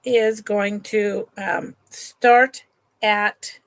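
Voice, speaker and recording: Unhurried and chatty, a woman sells items on a live stream, calling her viewers honey and sweetheart. Her medium-pitched voice is recorded without echo, and she tends to trail off and restart sentences in this slow, relaxed sales talk.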